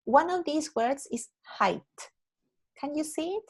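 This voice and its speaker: A woman teaching an English class over a video call. She explains patiently, repeats words slowly and keeps checking with "yeah?". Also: sits high, animated, poor audio. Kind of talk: online English lesson.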